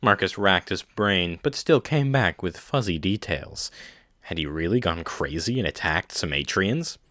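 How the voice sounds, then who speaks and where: A man narrating a science-fiction audiobook in a steady, measured way. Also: low voice, dry recording, clean studio sound.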